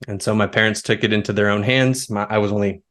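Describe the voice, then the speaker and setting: A man in his thirties speaks as a podcast guest with a lowish voice. He tells his stories in a relaxed, rambling way. His delivery stays easygoing throughout. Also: fast talker. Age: 30s. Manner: relaxed, storytelling, now and then laughing. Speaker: guest, foraging expert. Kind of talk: conversational interview.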